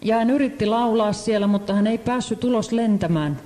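Medium in pitch and dark in tone, the voice belongs to an interpreter rendering a sermon in real time. The delivery is hesitant, full of fillers and restarts, recorded in an echoey hall.

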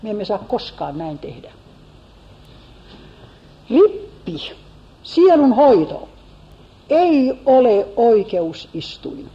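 A woman preaching a sermon in an earnest manner, swinging between forceful and hushed emphasis. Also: on the high side. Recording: slightly dull lo-fi recording.

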